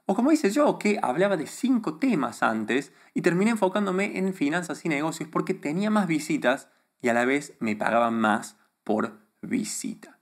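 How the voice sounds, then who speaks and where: Speaking at normal speed in a voice on the high side, this Argentine YouTube creator with a softened accent explains his ideas directly to camera, his delivery very animated and rising and falling. Emphatic and sure of himself, he gestures a lot with his hands, close to a desk microphone in a small studio with a plain grey backdrop.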